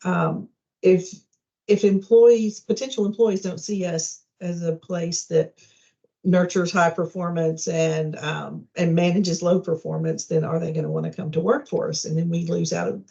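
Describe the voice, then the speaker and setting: A speaker with a gravelly, mellow voice thinks aloud in a work meeting, agreeable and reflective. The sound comes over a video call and is dull and lo-fi. They often answer with short sounds of agreement. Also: mid-range voice, steady tone, a little slow. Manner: agreeable, reflective, many backchannels. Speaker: colleague in a work discussion. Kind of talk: casual work meeting discussion.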